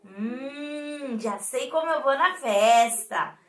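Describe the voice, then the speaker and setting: A woman with a Brazilian accent voicing a cheeky, carefree little male frog in a children's story, in a soft, playful tone. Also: high voice, slow pace, recorded from a distance. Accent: Brazilian Portuguese. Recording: echoey room.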